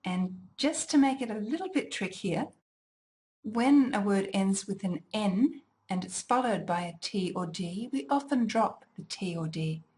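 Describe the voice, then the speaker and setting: A woman teaching a language exam lesson, deliberately enunciating each word for listening practice. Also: mid-range voice, a little mellow. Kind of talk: slow, clearly articulated lesson.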